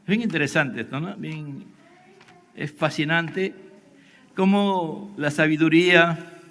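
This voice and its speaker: High, bright-voiced preacher in a hall. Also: male voice, takes it slowly. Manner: asks the congregation rhetorical questions, often "¿me entiende?". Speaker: pastor. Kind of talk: sermon. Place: church hall. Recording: livestream in a reverberant church hall.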